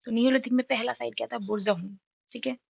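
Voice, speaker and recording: A woman's voice: fairly high pitch, fairly even intonation, quick pace, vocal fry, slightly rough, no room sound, muffled recording. A young woman teacher with a sore throat, running an exam-prep map lesson, quizzing her students and answering in their voice, checking in often. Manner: repeats key facts with frequent "ठीक है?".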